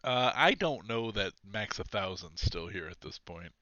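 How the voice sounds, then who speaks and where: A man running a tabletop game as game master, relaxed and joking, laughing often. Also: on the low side, measured pace, no echo, dull audio.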